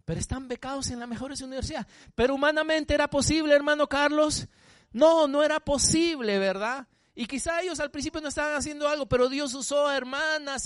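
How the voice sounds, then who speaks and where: A man's voice: very high voice, fairly bright tone, no echo, clean studio sound. A male pastor preaching a sermon, emphatic, often asking the congregation questions.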